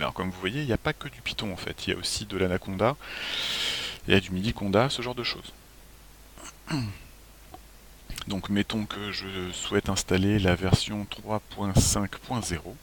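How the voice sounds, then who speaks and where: Male tutorial presenter, lowish pitch, relaxed and halting, light hiss on the recording. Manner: relaxed, clears throat often, hesitant restarts. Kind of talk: screencast walkthrough. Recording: faint hiss.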